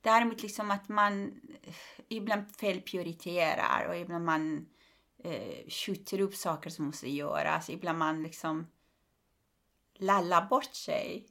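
A woman's voice: on the low side, gravelly, fairly bright tone. A woman comedian talking frankly in a casual interview, laughing often and using many fillers.

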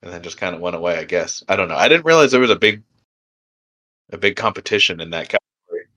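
In casual chat on a beer podcast, this young co-host talks quickly in a low voice with a bright, forceful tone. He rambles, leans on fillers, and laughs readily.

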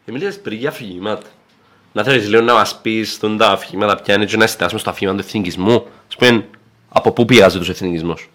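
A man's voice: lowish voice, a bit bright. A man with a Cypriot Greek accent, hosting a casual podcast discussion. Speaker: podcast host.

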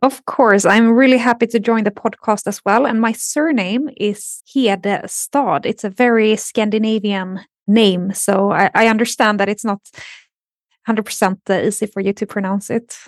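A woman from Sweden speaking English with a Swedish accent as a podcast guest, explaining in a measured way with soft fillers. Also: mid-range voice, steady tone, no echo, clean studio sound. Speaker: guest, marketing executive. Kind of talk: podcast interview.

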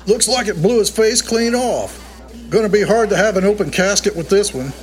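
A man's voice: high-pitched, moderate pace, natural voice. A man voicing a crude, cocky police officer in an audio drama, making flippant jokes. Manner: flippant, joking. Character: crude, cocky male cop partner.

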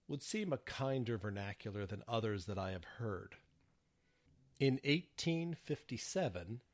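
A man reading his prepared theater reviews in a measured scripted narration. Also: medium pitch.

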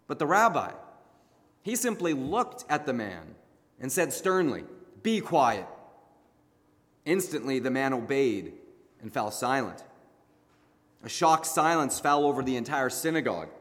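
A male pastor retelling a story in his sermon in a dramatic way, pausing for emphasis, in a large church sanctuary. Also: mid-range voice, big pitch swings, fairly bright tone, big-room sound.

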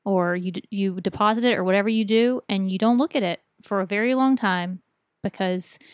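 A woman's voice: medium pitch, brisk, no room sound. A woman co-hosting a podcast, chatting casually and carrying the talk in long rambling turns. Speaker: podcast co-host. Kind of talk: casual chat.

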